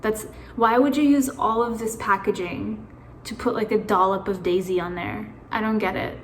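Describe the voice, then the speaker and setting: A woman's voice: medium pitch, fairly even intonation, moderate pace, echoey room, a little hiss or hum. A woman vlogging casually on a phone camera, anxious and rambling, swearing now and then. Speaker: beauty vlogger. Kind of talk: casual chat.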